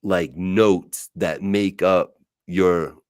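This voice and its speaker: Man, very deep voice, laid-back, agreeable, podcast co-host, dry close sound. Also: fairly even intonation, extremely slow, clear, resonant tone, no room sound. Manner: laid-back, asks questions, lots of agreeing fillers. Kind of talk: casual chat.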